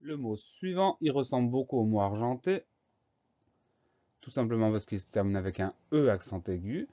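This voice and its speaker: A man teaching a French spelling lesson, going through each word slowly and spelling it out letter by letter. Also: medium pitch, lively intonation, dark tone, lo-fi sound. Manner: slow, methodical, spelling words letter by letter.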